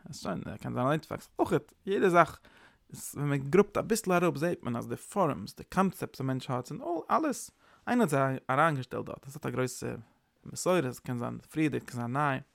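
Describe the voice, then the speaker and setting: A man's voice: medium pitch, lively intonation, moderate pace, creaky, few pauses, dry recording, studio quality. A man giving an informal, rambling sermon, mixing in English words. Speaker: preacher. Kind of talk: informal Yiddish-tinged sermon.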